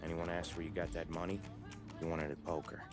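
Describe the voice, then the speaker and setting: An actor playing a calm, guarded mob henchman in video game dialogue, speaking in a measured, businesslike way. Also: low voice, music in the background, natural voice.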